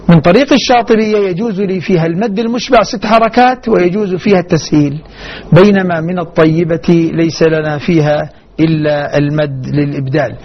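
A man teaching the readings of the Quran, explaining each difference plainly and chanting short verse examples. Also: on the high side. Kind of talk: radio lesson on Quran reading variants. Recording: dull muffled radio broadcast.

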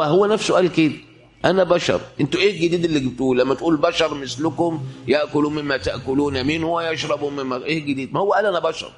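A man with an Egyptian Arabic accent giving a religious lecture, firing rhetorical questions at listeners and slowing down to recite verses. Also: mid-range voice, vocal fry. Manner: rhetorical questions, shifts into slow Quran recitation. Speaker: preacher.

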